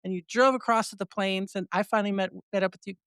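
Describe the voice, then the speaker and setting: A woman's voice: mid-range voice, fairly even intonation, quick pace, a bit bright, smooth, no echo, clean studio sound. A woman hosting a podcast, chatting casually with a guest and rambling through heartfelt thoughts with many restarts. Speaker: podcast host. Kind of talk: casual interview chat.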